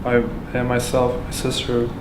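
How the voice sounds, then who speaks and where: A man from Afghanistan tells his story as a patient in a monotone, with hardly any rise or fall in his voice. He halts often, filling gaps with fillers and restarting his sentences. The room echoes and there is clear noise behind him. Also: mid-range voice. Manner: halting, with many fillers and restarts. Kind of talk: candid personal testimony.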